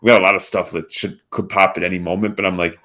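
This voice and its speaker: A man's voice: low voice, little pitch movement, fast, sharp tone. A man co-hosting a podcast, talking in a loose, joking way with some swearing. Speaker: podcast co-host. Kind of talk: casual chat.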